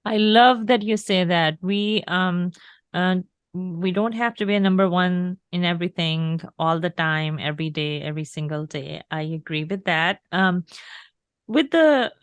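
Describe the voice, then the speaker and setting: A woman's voice: fairly low pitch, measured pace, clear, resonant tone, no room sound. A woman hosting a podcast as a career coach, asking questions in an upbeat, encouraging way. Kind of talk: conversational interview.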